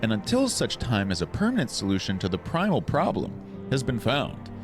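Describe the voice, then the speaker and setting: A man's voice: mid-range voice, wildly swooping pitch. A man voicing an earnest, queenly woman leader from a fantasy game, speaking formally and solemnly. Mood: solemn, concerned. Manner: formal, measured, solemn delivery. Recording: game music behind the voice.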